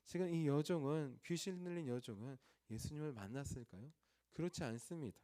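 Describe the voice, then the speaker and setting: Dark-voiced Korean man preaching. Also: a little high, a little fast. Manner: asks the congregation questions and answers them himself. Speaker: pastor. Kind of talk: early morning sermon. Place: church.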